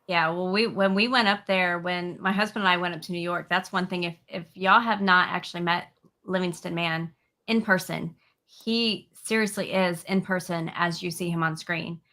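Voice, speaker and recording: A woman's voice: on the low side, steady tone, normal speed, pushed and bright. A woman hosting an interview, talking in a frank, outspoken, casual way. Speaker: host.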